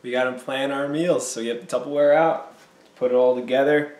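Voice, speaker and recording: A man's voice: mid-range voice, fairly even intonation, a little fast, a little mellow, distant mic. A young man, a personal trainer, chatting casually and hyping things up while cooking in a home kitchen. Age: young adult. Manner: upbeat, hype-filled, says "you know" often. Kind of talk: casual cooking video chat. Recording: roomy kitchen echo, faint noise.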